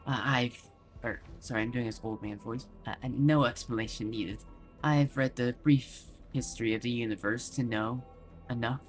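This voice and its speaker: A man voicing a wry older male scientist in a lowered, slow old man voice, reading game dialogue aloud. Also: steady tone, soft background music, natural voice.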